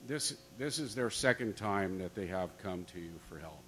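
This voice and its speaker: A man addressing a board during public comment as a trades council representative, halting and informal. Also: deep voice, animated, fairly bright tone. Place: public board meeting room. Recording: noisy meeting room with hum.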